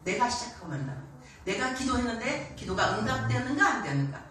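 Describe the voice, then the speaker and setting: A middle-aged woman missionary preaching a sermon, animated and often laughing as she acts out the voices she quotes. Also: fairly high pitch, fast. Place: church sanctuary. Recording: echoey church hall, distant mic, faint noise.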